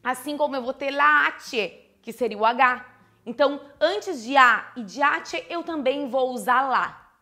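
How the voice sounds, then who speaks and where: A young woman from teaching a lively online Spanish lesson, playful and chatty, asking herself questions and answering them. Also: high voice, unhurried. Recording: faint background music.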